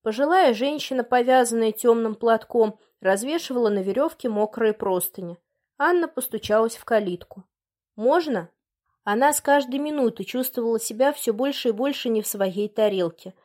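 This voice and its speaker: Woman, audiobook narrator, measured storytelling, slightly high voice. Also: darkish tone.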